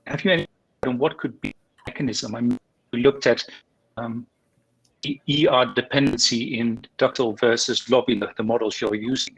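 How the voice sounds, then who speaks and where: A man moderating a scientific Q&A over a video call, asking halting questions while his audio keeps cutting out. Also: mid-range voice, gravelly, a bit bright, slightly rough, poor audio. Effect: glitchy audio that keeps cutting out. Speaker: webinar moderator.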